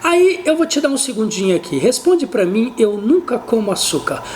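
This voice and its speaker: A woman with a Brazilian Portuguese accent teaching an English lesson, explaining patiently and saying English examples slowly and carefully. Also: fairly high pitch, big pitch swings, a little mellow, a little hiss or hum.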